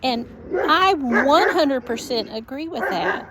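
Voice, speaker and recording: An older widowed woman talking slowly and heartfelt in a casual personal vlog recorded at home. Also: sits high, animated, very noisy. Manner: slow, rambling, heartfelt. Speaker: vlogger.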